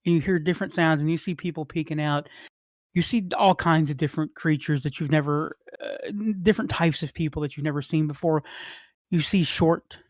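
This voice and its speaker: A game master narrating a tabletop game in a halting, rambling way with many restarts. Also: mid-range voice, dry recording, studio quality.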